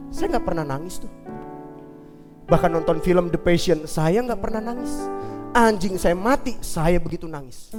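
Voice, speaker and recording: High-voiced preacher telling a lively story. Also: male voice, long reverb tail. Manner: animated storyteller, acting out the people he quotes; fervent exhorting over worship music at the close. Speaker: pastor. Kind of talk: Sunday sermon with storytelling. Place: church service.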